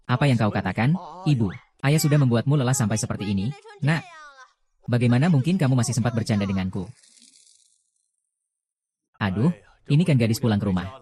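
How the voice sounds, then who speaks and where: A man dubbing every role in a drama with a flat, even delivery. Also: mid-range voice, brisk, long pauses. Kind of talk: dubbed drama dialogue.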